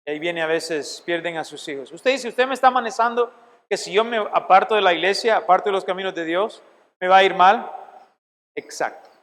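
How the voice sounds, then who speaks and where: A man's voice: high-pitched, brisk, fairly bright tone. A middle-aged man, a pastor, teaching a seminary Bible class in an emphatic sermon style, asking his listeners questions. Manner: emphatic, asks the audience questions. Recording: long hall reverb.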